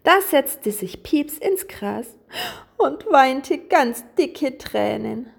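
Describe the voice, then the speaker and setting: A woman reading a children's Easter story aloud in a warm, expressive manner. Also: high-pitched, drawn-out words, vocal fry.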